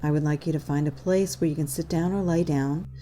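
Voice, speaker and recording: A woman narrating a guided meditation in a calm, soothing, unhurried and measured way. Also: deep voice, a little hiss or hum. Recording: New-age music under the voice. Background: New-age music.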